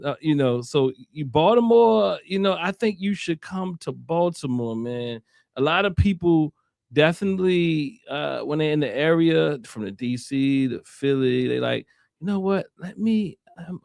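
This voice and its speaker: A man hosting a casual online chat show, talking in a playful way with many halting restarts and repeated words. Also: on the high side, vocal fry, a little mellow, no echo, clean studio sound. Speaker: host.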